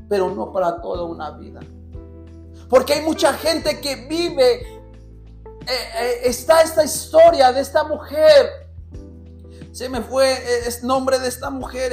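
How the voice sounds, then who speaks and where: A woman preaching a sermon. She reads scripture aloud, asks her listeners questions and grows emphatic, at times rising to a shout. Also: high voice.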